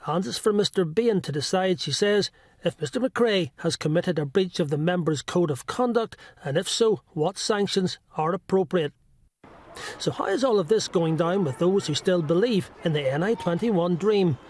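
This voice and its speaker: A man's voice: sits high, normal speed, no room sound. A man narrating a scripted political news report.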